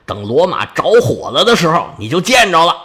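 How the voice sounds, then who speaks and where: A rude young sentry, as a male storyteller puts him on, barking and mocking in a raised, high voice. The pitch leaps about as he waves visitors off in the storybook telling. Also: very animated, fairly quick. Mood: brusque. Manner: shouting, dismissive, mocking. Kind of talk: Chinese storytelling performance.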